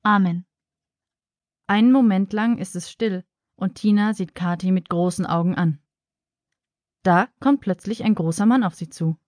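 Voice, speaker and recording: A woman narrating a children's audiobook in a clear storytelling manner, on a studio microphone. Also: mid-range voice, normal speed, darkish tone, no echo.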